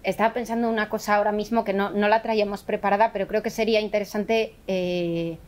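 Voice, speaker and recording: A woman's voice: mid-range voice, fairly even intonation, quick pace, a little mellow. A woman speaking earnestly in a conversational talk, thinking aloud with restarts. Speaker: teacher activist. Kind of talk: conversational explanation.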